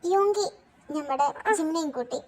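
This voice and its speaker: High-voiced chatty woman narrator. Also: moderate pace. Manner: chatty, addresses listeners. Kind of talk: fan audio drama narration.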